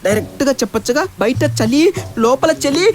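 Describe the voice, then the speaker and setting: A boastful cowardly joker. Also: male voice, very high-pitched, brisk. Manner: boastful, bumbling comic banter. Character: cowardly boastful young man telling ghost story. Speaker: comic sidekick. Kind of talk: comic film storytelling. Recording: film soundtrack with loud music.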